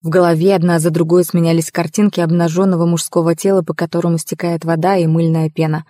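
A woman reading a first-person romantic fantasy audiobook in an expressive storytelling manner. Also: on the low side, fast talker, no room sound, studio quality. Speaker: audiobook narrator.

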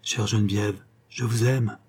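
A man's voice: lowish voice, steady tone, unhurried, a little mellow, slightly rough. A man voicing an earnest young man declaring his love, with pleading, emphatic phrasing, in an audiobook reading. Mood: impassioned.

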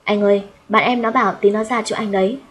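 A woman's voice: medium pitch, fairly even intonation, fast talker, a bit bright, a little hiss or hum, natural voice, low-quality recording. A woman voicing a friendly, chatty young woman on the phone, in an audiobook reading.

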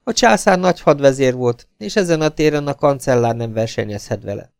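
A man reading an audiobook voices a middle-aged actress dependent on morphine, talking erratically and swinging between sharp outbursts and hushed murmurs. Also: mid-range voice, vocal fry, clean tone, no room sound, studio quality, voice pushed up, lightly acted. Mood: feverish.

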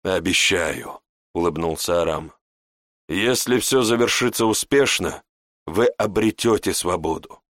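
A man reading an audiobook, voicing a calm male servant who answers in a measured, dry way. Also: low voice, dry recording.

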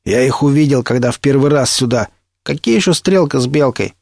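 Man voicing a slow, sneering mercenary stalker. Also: mid-range voice, animated, creaky, a little mellow, dry recording, clean studio sound, pitched above the performer's own voice. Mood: scornful. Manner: slow, taunting drawl. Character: menacing male mercenary stalker, sneering and cruel.

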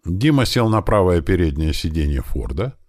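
A man reading a first-person audiobook in a plain, steady storytelling manner. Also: deep voice, moderate pace, no echo, studio quality. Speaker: audiobook reader.

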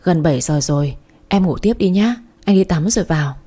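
A woman's voice: on the low side, animated, fairly quick, mellow, slightly rough. A woman voicing a stern, gullible middle-aged father who speaks bluntly in a storybook reading.

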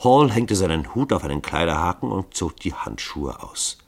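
Deep husky male radio narrator. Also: very animated, moderate pace. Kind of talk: scripted radio-play narration.

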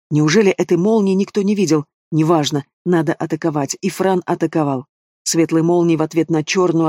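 Guy reading an audiobook, kinda high voice, dry close mic. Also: darkish tone, no room sound. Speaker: audiobook narrator. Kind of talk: scripted narration.

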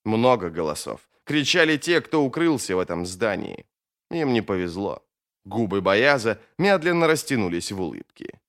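A man narrating a fantasy novel as an audiobook in a steady, expressive storytelling manner. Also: fairly low pitch, moderate pace.

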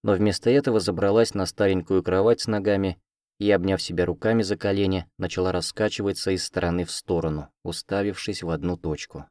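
A man narrating an audiobook in a deep, low voice, keeping a steady and expressive storytelling pace. The sound is dry and close, with no room around it. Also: fairly quick, dry recording. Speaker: audiobook reader. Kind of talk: scripted narration.

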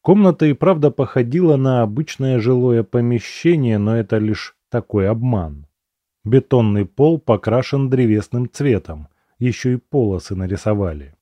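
Dark-voiced male audiobook narrator. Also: mid-range voice, dry recording. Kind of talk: first-person audiobook narration.

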